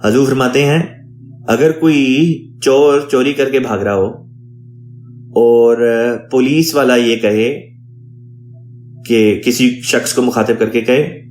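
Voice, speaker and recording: A man, an imam, teaching a Quran translation lesson, reading Arabic phrases and explaining each one in a measured teaching tone. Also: mid-range voice, a little mellow, roomy sound.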